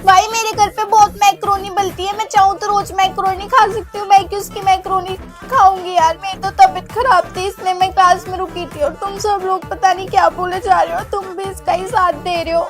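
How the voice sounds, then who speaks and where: A woman's voice: very high voice, little pitch movement, a little fast, few pauses, over music. A woman in a comedy sketch, ranting indignantly to defend herself.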